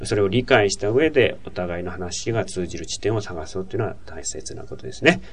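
Male talk host, quick and animated delivery, explanatory chat. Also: low voice, slightly rough. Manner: explanatory, lively, reads listener messages. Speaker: radio show host. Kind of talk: casual talk show explaining language.

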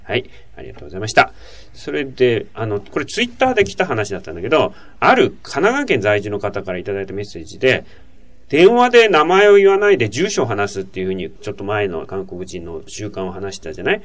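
A man hosting a talk show, explaining things in a casual, lively way and answering listener messages. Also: fairly low pitch, fast. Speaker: radio show host.

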